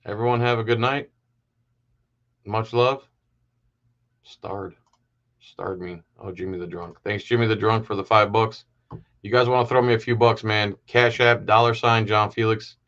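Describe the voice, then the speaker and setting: Bright-voiced man ranting on a live stream. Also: fairly low pitch, fairly even intonation, unhurried, pauses often, dull audio. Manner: heated, sarcastic ranting. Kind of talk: casual live stream commentary.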